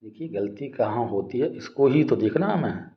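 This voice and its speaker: In a dull, lo-fi recording from an echoey room, an animated man with a mid-range voice teaches English grammar classroom-style at a moderate pace. He works through it step by step, repeats words, and throws questions back at his listeners.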